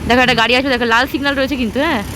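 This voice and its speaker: A young woman talks fast and high to her viewers as friends. She narrates the trip in a loose vlog style, and a faint hiss sits under her voice. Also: fairly even intonation. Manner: chatty, addresses viewers as friends. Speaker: vlogger. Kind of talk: casual travel vlog narration.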